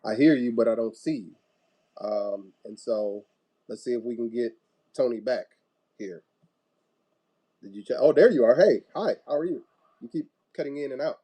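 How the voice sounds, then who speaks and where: A man hosting an online church talk show, chatting casually over a video call with relaxed, rambling talk and many fillers. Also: mid-range voice, moderate pace, long pauses. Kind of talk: casual live-stream chat.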